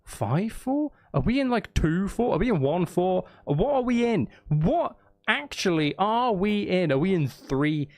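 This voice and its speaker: This man's high, sing-song voice has a darkish color and moves at an unhurried pace, with no echo in the recording. He's chatting on a live stream as he edits music, talking through the task aloud, repeating himself and questioning his own choices.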